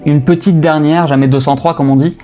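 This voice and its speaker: A young Frenchman talks about cars in a loose, joking voice-over, full of slang and little hesitations. His tone sits warm and mellow. Faint lofi music plays under him. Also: fairly high pitch, steady tone, brisk. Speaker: car channel host. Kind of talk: casual voice-over commentary. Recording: faint music bed behind voice.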